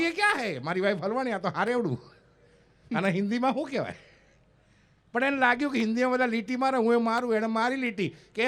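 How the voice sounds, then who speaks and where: A man in his fifties from North Gujarat, with a North Gujarati accent, telling comic stories on stage and acting out the people in them. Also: extremely high pitch. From North Gujarat, India. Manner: animated, acts out the dialogue of people in his stories. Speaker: stand-up comedian and mimicry artist. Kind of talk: live comic storytelling on stage. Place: event stage before an audience.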